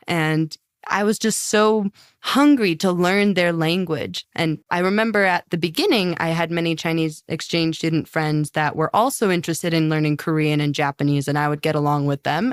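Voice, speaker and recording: On a podcast, a young woman from the United States, who sings and is learning languages, talks in a casual, upbeat interview peppered with "like." She has a low, smooth voice with a steady tone at normal speed, recorded with studio quality and no echo.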